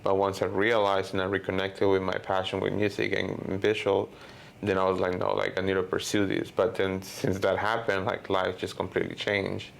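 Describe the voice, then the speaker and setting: Interview guest, man from Honduras, 30s: deep gravelly voice, casual and rambling. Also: completely flat delivery, moderate pace. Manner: rambling, lots of "you know" and "like" fillers. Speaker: guest filmmaker.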